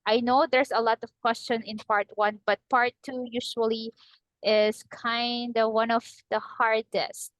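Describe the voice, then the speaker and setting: A woman's voice: on the high side, flat delivery, measured pace, no room sound, low-quality recording. A woman in her twenties from the Philippines, tutoring English in an online lesson, patient and encouraging. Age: 20s. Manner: patient, encouraging, repeats the student's name often. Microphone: video call.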